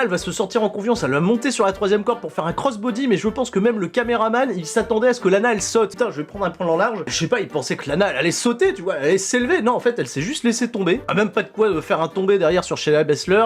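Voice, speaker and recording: A man casually recapping a wrestling show with a jokey, animated delivery, now and then mimicking the wrestlers. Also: high-pitched.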